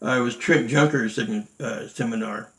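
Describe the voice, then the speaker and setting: A man's voice: medium pitch, moderate pace, a bit bright, low-quality recording. Brief: man, mid-range voice, candid and indignant storyteller, salty language, lots of "you know.". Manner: blunt and indignant, swears freely, many fillers. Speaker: martial arts instructor recounting events.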